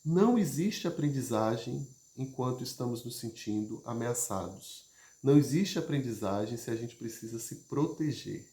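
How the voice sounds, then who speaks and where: Guy giving a live talk, goes loud then soft and gentle, sounds roomy. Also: mid-range voice, moderate pace. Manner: expressive, moves between loud emphasis and soft gentle speech. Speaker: speaker leading a live session.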